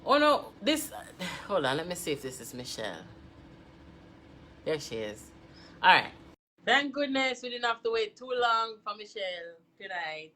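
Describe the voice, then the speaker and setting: A woman's voice: mid-range voice, very animated, normal speed, pauses often, pushed and bright, slight background noise. A Jamaican woman hosting a casual live political discussion on her phone, chatting and greeting viewers by name, slipping into patois. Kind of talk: casual live-stream chat.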